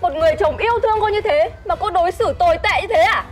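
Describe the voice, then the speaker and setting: A woman's voice: extremely high pitch, fast, soft background music. A woman acting a firm young doctor who scolds a cruel wife, in a web skit drama. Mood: reproachful. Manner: firm, reproachful. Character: stern young female doctor. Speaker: actor.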